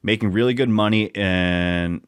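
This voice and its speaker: Co-host: easygoing New York guy with a lowish voice, reads stories and riffs, jokey, trips over words. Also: normal speed, smooth. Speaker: podcast co-host. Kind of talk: casual chat, reading stories aloud.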